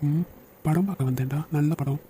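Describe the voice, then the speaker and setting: A man's voice: a little high, fairly even intonation, dark tone, slight background noise, lightly acted, poor audio. A man voicing the young men of a family in a cartoon drama, brotherly and joking in manner. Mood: teasing. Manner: brotherly, joking, quick-talking.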